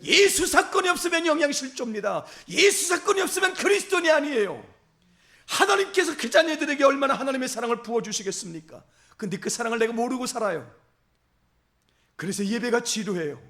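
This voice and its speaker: High-voiced, fervent male pastor preaching. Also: animated, brisk, pushed and bright. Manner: impassioned, repetitive exhortation with rising emphasis; addresses the congregation directly as "everyone". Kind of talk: sermon.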